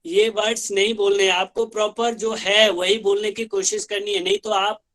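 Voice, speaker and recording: A male yoga teacher in an online class, chanting Sanskrit sutras line by line with careful, drawn-out pronunciation for students to repeat, heard over a video call. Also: high voice, little pitch movement, a bit bright.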